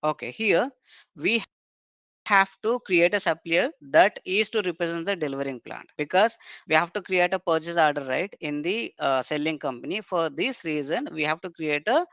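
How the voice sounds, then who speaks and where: A software trainer explains technical material step by step in a clean, smooth voice, recorded dry with no room echo. Medium in pitch and expressive, the delivery keeps a moderate pace and often ends points with short checking tags.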